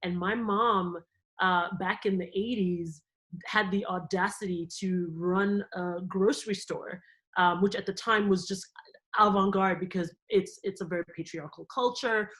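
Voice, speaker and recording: A woman from Cameroon, a guest in an interview, telling stories in a lively, animated way and laughing often. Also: mid-range voice, a little slow, poor audio. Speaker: guest, theme park company executive. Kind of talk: conversational interview.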